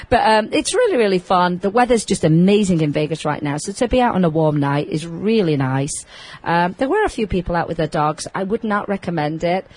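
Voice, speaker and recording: A woman hosting a show, chatting loudly and laughing often. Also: lowish voice, husky, poor audio. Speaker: host. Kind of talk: casual chat.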